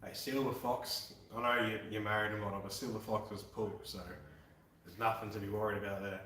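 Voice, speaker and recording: A man's voice: lowish voice, level tone, a little fast, bright, forceful tone, slight background noise. A man in his twenties with an Australian accent, chatting casually with viewers on a live stream, laid-back and swearing now and then. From Western Australia. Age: 20s. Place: garage. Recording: very echoey room, mic far off.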